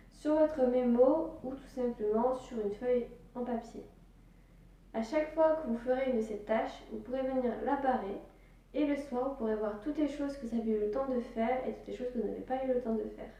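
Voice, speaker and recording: A slightly high, mellow-toned woman chatting through productivity tips in a casual vlog. She sounds set back from the mic in a very echoey room, with a loose, informal way of talking. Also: distant mic. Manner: chatty, with many fillers like "voilà" and "hop". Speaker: business vlogger.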